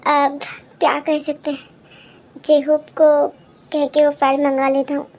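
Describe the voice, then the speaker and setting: A woman voicing a fretful young husband, high. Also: monotone, a little slow, darkish tone. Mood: flustered. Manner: flustered and fretful. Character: anxious young husband Jungkook, doting.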